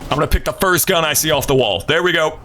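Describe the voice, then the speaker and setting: A man's voice: on the high side, fast. A man giving casual, playful live gameplay commentary and chatting to his viewers. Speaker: game streamer. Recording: game gunfire noise behind voice. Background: video game sounds and gunfire.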